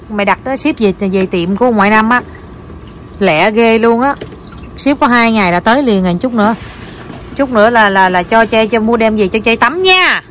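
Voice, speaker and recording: A mother chatting with her small child in a home vlog, animated and coaxing, with English words mixed into her talk. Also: on the high side, a little hiss or hum. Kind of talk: casual home vlog chat.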